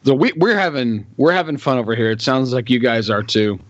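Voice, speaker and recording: A man's voice: mid-range voice, fairly quick, no room sound, muffled recording. A man co-hosting a podcast, telling casual anecdotes in a hesitant, amused way. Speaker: podcast co-host. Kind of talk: casual chat.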